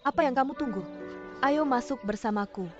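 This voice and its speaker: A woman dubbing a kind, calm young woman who grew up an orphan, in a television drama. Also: high voice, a little fast, natural voice. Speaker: dubbing actress. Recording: dull sound, music behind.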